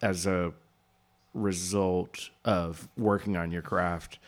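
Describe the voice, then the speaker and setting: A man hosting a casual interview, speaking in halting, hesitant phrases. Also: sits low, steady tone. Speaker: podcast host.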